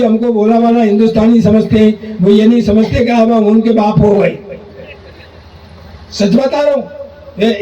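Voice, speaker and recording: A man with a lilt and a high, mellow voice recites comic verse from a stage. He ribs the audience and acts out both sides of his jokes. The sound is dull and distant, with echo from the hall. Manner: jokey, addresses the audience directly, acts out dialogue. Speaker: stage comedy poet. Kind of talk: live stage comedy recital. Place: stage before a live audience.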